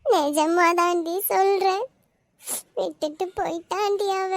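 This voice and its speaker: A woman's voice: very high voice, fairly even intonation, slow pace, no room sound, exaggerated voice. A woman voicing a grieving middle-aged mother in a cartoon, with a Tamil Nadu accent, talking in a tearful, sorrowful way. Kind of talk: cartoon voice acting.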